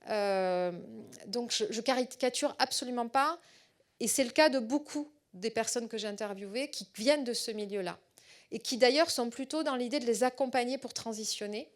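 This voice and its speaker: A researcher gives a public lecture: she's a middle-aged woman with a southwestern French accent and a slightly high voice. She pauses frequently on fillers and tends to repeat words.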